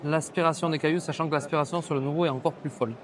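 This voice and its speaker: A man's voice: on the high side, fairly even intonation, rapid-fire, a crowd in the background. A man with a French accent vlogging from a trade fair, enthusiastic and slangy, talking straight to his viewers. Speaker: vlogger reviewing pool robots. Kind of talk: casual vlog at a trade fair. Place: large indoor trade fair hall.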